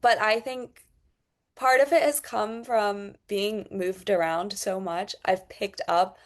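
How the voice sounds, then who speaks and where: A young woman who is an international student and podcast guest answers interview questions thoughtfully, with frequent pauses. She speaks slowly in a steady, medium-pitched voice, her mixed international accent marked by long, Thai-influenced vowels.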